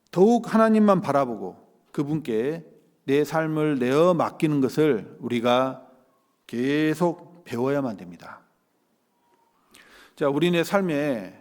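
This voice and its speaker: Lively male preacher in a reverberant church. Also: medium pitch. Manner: lively preaching with rhetorical questions to the congregation. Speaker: pastor. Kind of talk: sermon. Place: church sanctuary.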